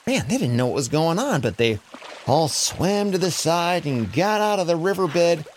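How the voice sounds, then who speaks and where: Expressive man telling a children's story. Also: on the high side, moderate pace, slight background noise. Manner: expressive, dramatic.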